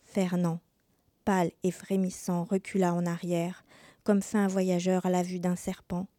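A woman's voice: lowish voice, little pitch movement, unhurried, mellow, dry recording. A woman who reads a story aloud in a theatrical way and then asks questions as an interviewer. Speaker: reader and interviewer. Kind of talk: theatrical reading.

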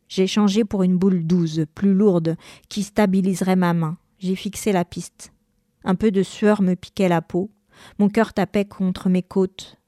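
A woman reading a first-person novel aloud in a measured, expressive narrating style. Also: mid-range voice, no echo, studio quality. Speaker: reader.

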